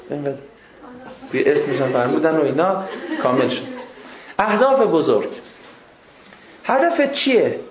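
A man delivering an informal religious lecture in a high, light voice. He talks conversationally, throwing out rhetorical questions and humorous stories. The sound is echoey, as in a hard-walled room. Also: a little hiss or hum. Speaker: religious speaker.

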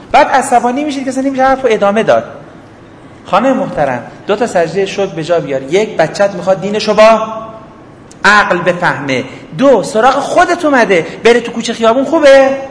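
A man with a high-sitting, very animated voice gives a religious lecture, firing off rhetorical questions and acting out short everyday dialogues. The hall is echoey with faint ambience, and there's a little hiss or hum.

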